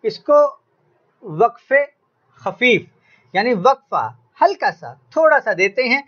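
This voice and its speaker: A man's voice: very high voice, very animated, takes it slowly, fairly bright tone, dull audio. A man teaching an Urdu grammar lesson to students, addressing them formally and stressing his examples in a raised voice. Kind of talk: classroom lesson.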